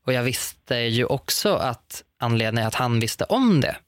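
A young man in casual chat, telling lively stories full of fillers and restarts. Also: mid-range voice, no echo, studio quality. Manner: animated storytelling with hesitant fillers.

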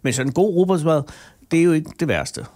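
Wry Danish co-host with quick quips. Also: male voice, a little high, expressive, darkish tone, a little hiss or hum. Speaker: podcast co-host. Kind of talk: casual chat.

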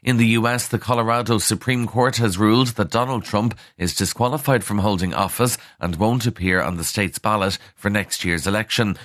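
A man's voice: low voice, a bit bright, no room sound, clean studio sound. An Irish man reading a scripted radio news bulletin as a newsreader. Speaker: news reader. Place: dry studio.

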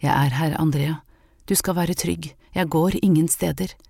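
A woman's voice: low-pitched, fairly even intonation, gravelly, a little mellow, breathy edge, dry recording, clean studio sound, full character voice. A woman reading the part of a frightened young woman in an audiobook, pleading and urgent. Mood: comforting. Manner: pleading, breaking into cries and whispers.

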